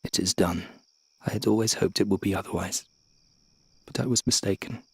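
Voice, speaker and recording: A man's voice: deep voice, vocal fry, husky, dry recording, faint music behind, exaggerated voice. A grave old male storyteller. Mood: sorrowful. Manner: solemn, measured storytelling. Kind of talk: game voice acting.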